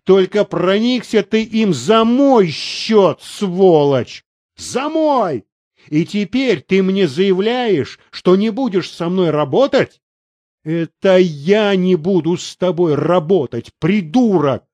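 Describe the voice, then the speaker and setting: A man reading the part of a sharp-tongued, haughty woman publisher in an audiobook, scornful and quick to anger. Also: high-pitched, sing-song, no echo. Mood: furious.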